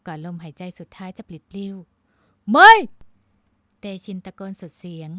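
A woman from Thailand narrating a romance novel in a measured, even storytelling voice. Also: fairly low pitch, dry recording, clean studio sound. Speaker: audiobook narrator.

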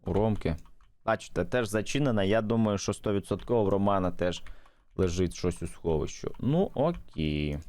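A man's voice: fairly low pitch, animated, moderate pace, a little mellow, dry recording. A man chatting casually to viewers while playing a mobile game, thinking aloud and reacting as he goes. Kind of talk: casual gameplay commentary to viewers.

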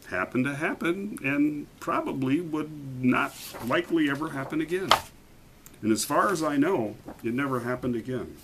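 A man reading a picture book aloud to children, animated and stopping to point out the pictures. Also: medium pitch, noisy background.

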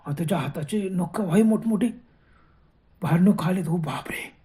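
Man, horror storyteller, dramatic, gasping exclamations, very dark mellow voice. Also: high voice, normal speed.

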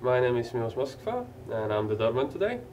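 A young man explains his doorman duties for an interviewer. His medium-pitched voice is recorded from a little way off in a noisy room. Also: big pitch swings, brisk. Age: young adult. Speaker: doorman and ticket seller. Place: small indoor ticket office. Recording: distant mic, noisy room with clicks.

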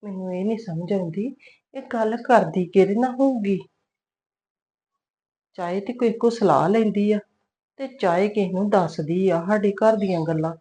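A woman's voice: mid-range voice, normal speed, long pauses, dark tone, natural voice. Woman playing a grumbling, suspicious mother-in-law. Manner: mutters scornful asides to herself. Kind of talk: web series drama.

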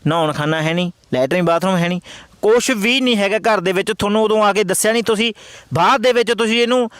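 A man's voice: high voice, quick pace, a bit bright, clear, resonant tone, no room sound. A man playing a journalist in a comedy skit, questioning a couple and pressing for direct answers. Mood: probing. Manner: probing, presses for straight answers. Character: pushy street journalist questioning a quarrelling couple.

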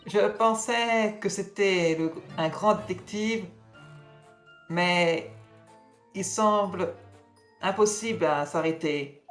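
Guy doing a mysterious old witch lady for a video game, halting and theatrical, faint music behind. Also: high-pitched, fairly bright tone. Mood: grave, halting. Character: mysterious old witch who owns a wax museum. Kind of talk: amateur live dub of a video game.

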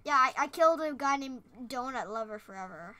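A young woman giving casual, excitable gameplay commentary as host of a gaming video. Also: sits high, a little fast. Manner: excitable, exclamatory.

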